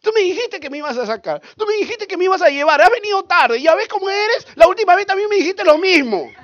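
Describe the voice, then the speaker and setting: A male preacher voicing a nagging wife who loudly scolds her husband for being late. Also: lively intonation, quick pace, no room sound, highs cut off. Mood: scolding. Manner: shrill, loud, accusing.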